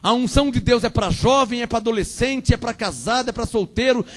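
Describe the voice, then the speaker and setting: A Brazilian man in his forties preaches with a strikingly high voice for a man. He repeats his lines for emphasis and swings between ringing proclamations and hushed asides. His Brazilian Portuguese accent comes through clearly. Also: a little fast. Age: 40s. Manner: fervent, repetitive, swings between loud proclamation and quiet asides. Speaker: pastor. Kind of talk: Pentecostal sermon.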